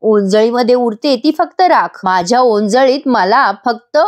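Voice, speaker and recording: A woman voicing a gentle, loving young bride in a voice-over episode recap, speaking softly and affectionately. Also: a little high, unhurried, lightly acted. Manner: soft, affectionate, pleading. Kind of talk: voice-over recap reading a character's lines.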